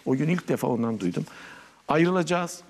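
A man's voice: a little high, brisk, in a large hall, slight background noise. An older man, a poet, telling a story in a studio interview and acting out the people in it. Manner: animated storyteller acting out dialogue. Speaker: guest, poet and writer. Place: television studio.

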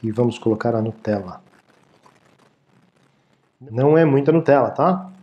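Cooking in a small indoor studio kitchen set up like a home, a chatty, friendly man in his thirties walks viewers through a casual demonstration and keeps checking in with "tá, gente?". He speaks unhurriedly in a mid-range voice, and the recording has its highs cut off.

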